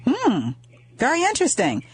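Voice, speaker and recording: A woman's voice: high voice, huge pitch swings, normal speed, husky, no echo. A woman hosting a radio talk show, upbeat and chatty, repeating words and using fillers.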